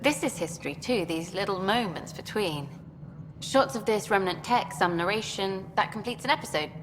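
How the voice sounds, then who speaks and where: A woman voices a chirpy female journalist in a video game, her pitch bouncing up and down as she fires off questions. The sound carries a long hall reverb over a clear hiss of noise. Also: lightly acted. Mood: bright, eager. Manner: brisk, lively, interviewing. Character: upbeat female documentary journalist, chatty.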